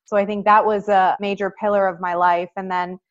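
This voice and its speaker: A young woman from Pakistan tells her life story as an interview guest. She speaks at a mid pitch and a measured pace, in a reflective tone. The audio is a little dull and lo-fi. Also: flat delivery. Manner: measured, reflective, frequent "I think" and "you know".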